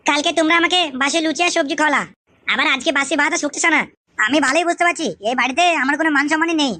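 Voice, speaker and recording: Hot-headed young son-in-law played by a woman, bright, fast-talking and grumbling. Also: high voice, no echo. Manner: grumbling, rapid, swearing. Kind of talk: comic village skit.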